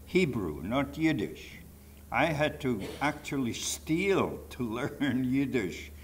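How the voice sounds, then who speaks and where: With a very animated mid-range voice and a slow pace, a Holocaust survivor in his nineties gives testimony to a live audience at a public talk. Originally from Poland and speaking with a Polish accent, he recounts his life emphatically, digressing and adding rhetorical asides. There is slight background noise.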